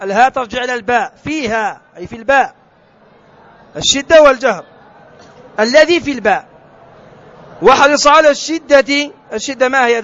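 A Quran recitation teacher with a very high, slightly bright male voice leads a tajweed lesson, quizzing his students and repeating letter sounds for them to imitate. The outdoor recording sounds dull and lo-fi.

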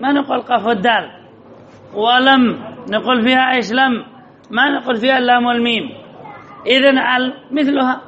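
A male teacher leading a class, asking students questions, repeating their answers and reading examples slowly and deliberately. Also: very high-pitched, pushed and bright. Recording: dull lo-fi recording.

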